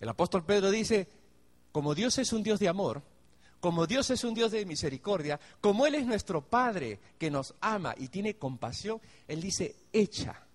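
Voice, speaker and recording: A man's voice: high-pitched, lively intonation, normal speed. A man preaching a sermon, speaking directly to his congregation and acting out the pleas of worried believers. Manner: acts out pleading believers in raised voice. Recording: long hall reverb.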